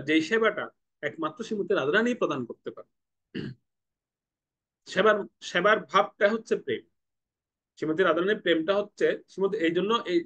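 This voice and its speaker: High-voiced man giving a devotional sermon. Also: pushed and bright. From Bangladesh. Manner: explanatory, asks rhetorical questions and has listeners repeat words. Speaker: preacher.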